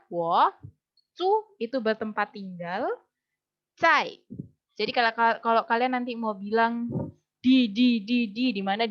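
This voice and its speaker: A woman teaching a language class, patiently repeating words slowly for her students. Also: fairly high pitch, a bit bright. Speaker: Mandarin teacher. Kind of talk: online Mandarin lesson in Indonesian. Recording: dull lo-fi recording.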